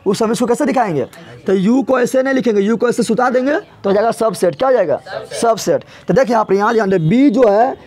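A man teaching a math lesson in a classroom, speaking with a lilt and drilling his students with repeated questions and slow, drawn-out counting. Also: very high voice, a little mellow.

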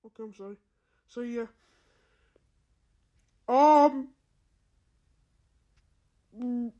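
Very slow and warm, a mid-range, female-sounding voice comes through a voice changer with the highs cut off. It belongs to a gaming video host whose relaxed commentary keeps exclaiming in disbelief, leaning on slang and repeating itself.

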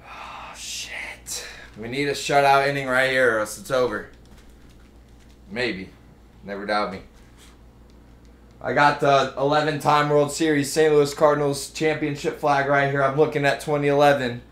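A young man doing live game commentary as a streamer, full of swearing and cocky, excitable sports-fan trash talk, recorded in an indoor room. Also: medium pitch, moderate pace, long pauses. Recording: roomy, echoing room sound.

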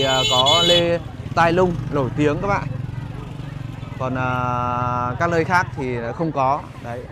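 A man giving a casual walking vlog commentary as a guide, pausing often on fillers as he talks to viewers. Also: a little high. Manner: hesitant phrasing with frequent filler pauses. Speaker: market vlogger and guide. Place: outdoors in a busy rural street market. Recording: noisy outdoor market street ambience. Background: market bustle and vehicles.

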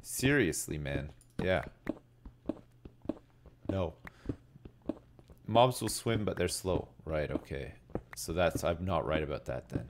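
A man's voice: low voice, expressive, takes it slowly, long pauses, background noise. A middle-aged man giving rambling, laid-back, sweary commentary as he streams a game and chats with viewers. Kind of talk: casual live gaming commentary, chatting with viewers. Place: indoors at a desk, streaming.

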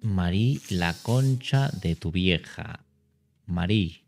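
Slow-paced young Peruvian man streaming a game. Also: deep voice, lively intonation, gravelly, music in the background. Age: 20s. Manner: slangy, swearing. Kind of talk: casual live game-stream chat. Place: indoor streaming room.

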